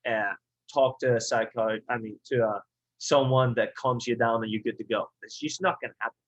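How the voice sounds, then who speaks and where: A man's voice: medium pitch, steady tone, moderate pace. Chatty man on a dull video call. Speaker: interviewer and golfer. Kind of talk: casual conversation.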